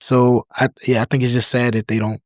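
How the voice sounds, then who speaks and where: On a podcast, a young adult guy from the United States chats in a relaxed, filler-heavy way, scattering "like" and "you know" and slipping into other languages. He speaks at a medium pitch and a slightly fast clip, recorded on a dry mic with no room sound.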